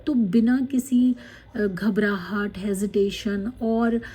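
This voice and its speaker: A woman tarot card reader, gently guiding viewers through a spiritual card reading, with many fillers. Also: mid-range voice, fairly even intonation, breathy edge. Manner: slow, gentle guidance with many fillers, reading card messages aloud in English.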